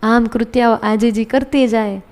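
A woman's voice: a little high, steady tone, normal speed, a little mellow. Woman narrating a devotional story dramatically. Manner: dramatic storytelling, voicing each character in quotes. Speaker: religious storyteller. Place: women's religious centre.

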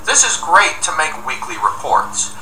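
Middle-aged man, upbeat step-by-step tutorial narrator, lively pitch, distant mic in an echoey office. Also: a little slow. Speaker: software tutorial presenter. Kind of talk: screencast walkthrough narration. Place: office room indoors, at a desk. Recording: roomy, distant mic with faint noise.

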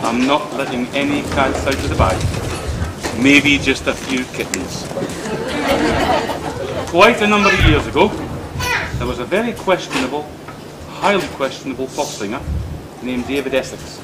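A man's voice: mid-range voice, lively intonation, moderate pace, pauses often. A middle-aged man giving a teasing, dryly humorous father-of-the-bride speech at a wedding reception. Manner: teasing, dry humour, anecdotal. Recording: loud crowd noise at a reception.

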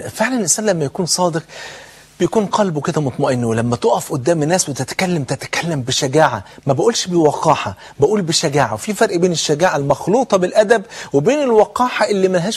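A rapid, husky-voiced Egyptian man in his sixties preaches a religious lecture. His voice sits a little high for a man. He tells stories with drama, dropping to hushed lines and climbing to loud ones as he voices each person in them. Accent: Egyptian Arabic. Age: 60s. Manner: storytelling, acts out quoted dialogue, shifts between hushed and raised tones.

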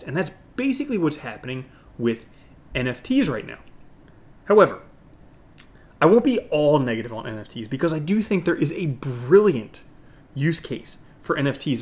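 A middle-aged man hosting an opinionated crypto video, talking like an informal, salesy crypto bro to the camera. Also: a little high. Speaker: crypto YouTube host.

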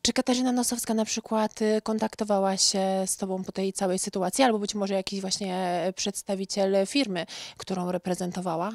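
A woman's voice: mid-range voice, steady tone, a little fast, darkish tone, dry recording. Young woman interviewer, dry close sound. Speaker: interviewer, entertainment reporter. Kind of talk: showbiz interview questions. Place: indoor studio set on a sofa. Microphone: handheld mic.

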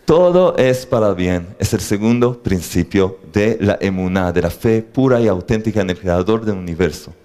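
A man's voice: fairly low pitch, normal speed, few pauses. A man teaching a lesson on faith to a live audience, asking them questions and joking between his points. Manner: animated, asks the audience questions, jokes. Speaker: religious teacher.

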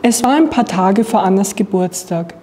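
A young woman from Austria, a student, calmly reading a children's picture book aloud. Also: medium pitch, normal speed, a little hiss or hum. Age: young adult.

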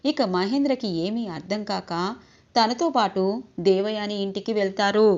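A woman reading a TV serial episode recap aloud, telling the story in a steady voice. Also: medium pitch, normal speed. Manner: steady storytelling, reading every character's lines in her own voice. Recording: dull lo-fi recording.

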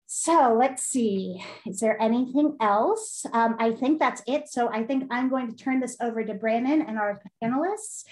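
A woman opening an online panel with a measured, warm welcome. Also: on the high side, reverberant, low-quality recording. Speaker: event host. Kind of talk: scripted welcome.

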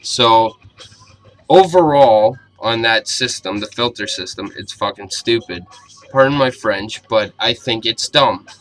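A man's voice: mid-range voice, unhurried, a bit bright, rough recording. A young adult man giving a casual video review in a blunt, informal way. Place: small cluttered bedroom, indoors.

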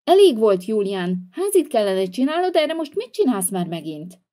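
A bossy mother, voiced by a woman in a toy-figure video, scolding and fed up. Her voice is mellow and swings widely in pitch. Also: sing-song, lightly acted. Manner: scolding and exasperated.

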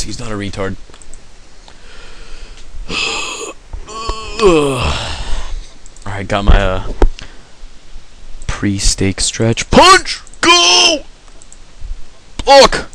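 A man on a headset giving live gameplay commentary, excitable and swearing as he shouts at the game. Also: lowish voice, measured pace, long pauses, a little hiss or hum. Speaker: gaming video host.

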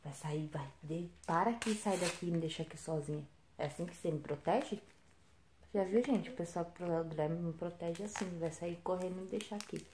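At night in a room at home, a mother with a Brazilian accent films a casual vlog, playfully teasing her son and exclaiming to viewers. Her voice is fairly low and brisk, with a noisy background.

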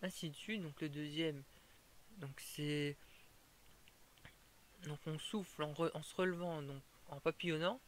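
A man with a slightly higher voice than usual talks through a fire-breathing tutorial. He explains it step by step, casual and informal, often stopping and restarting a sentence. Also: fairly even intonation, measured pace, pauses often, a little hiss or hum.

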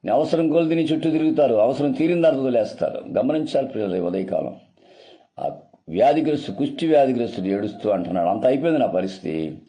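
A man's voice: mid-range voice, lively intonation, fast, warm tone. A male pastor preaching a sermon earnestly, repeating phrases and calling his listeners beloved.

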